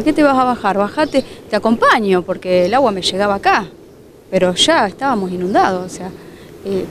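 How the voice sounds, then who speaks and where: A woman gives an outdoor street interview to a local news crew about the flood at her home. She talks in emotional, broken-up phrases, restarting her sentences often. A faint hiss of background noise sits under her voice. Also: medium pitch. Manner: fragmented, emotional retelling with many restarts. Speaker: flood-affected resident.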